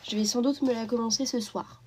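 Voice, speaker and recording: Young female streamer, congested from a cold, chatty and friendly with her chat, relaxed at-home vibe. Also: fairly high pitch, a little fast, noisy background. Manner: chatty, greets and thanks viewers by name. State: stuffy nose, sniffling from a cold. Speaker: live streamer. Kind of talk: casual live-stream chat with viewers. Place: at home while colouring.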